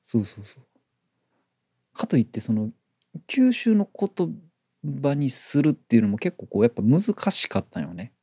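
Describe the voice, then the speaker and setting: In a dry recording, this Kansai man sounds very animated, his mid-range voice dark with a breathy edge, moving at a moderate pace with long pauses. Co-hosting a casual podcast, he mixes Kyoto and Kobe speech and keeps tossing in brief agreeing words.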